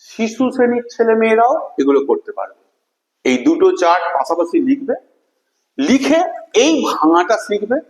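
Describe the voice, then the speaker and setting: A man's voice: sits high, big pitch swings, normal speed. A male teacher giving a classroom spelling lesson, asking questions and spelling words out letter by letter. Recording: echoey room with long reverb.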